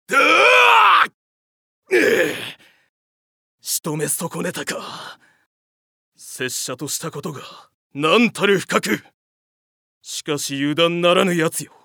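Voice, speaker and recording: A proud, self-serious samurai, acted by a man, gravelly and forceful. His archaic delivery is theatrical, with dramatic swings in pitch. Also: no echo, clean studio sound, exaggerated voice. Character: proud, melodramatic old-fashioned samurai warrior.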